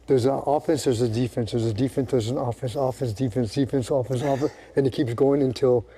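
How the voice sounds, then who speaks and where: A man's voice: mid-range voice, steady tone, a little fast, dark tone, a little hiss or hum. An older man, a martial arts instructor, talking casually, showing moves and acting out the people in his stories. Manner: demonstrates moves while talking, acts out quoted people. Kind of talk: casual teaching chat.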